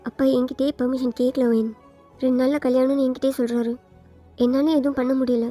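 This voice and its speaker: A caring older sister talks things through gently, as a woman reader voices her. Her voice is high and mellow. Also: flat delivery, brisk, faint music behind. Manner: gentle and persuasive. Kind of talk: storybook fan fiction reading.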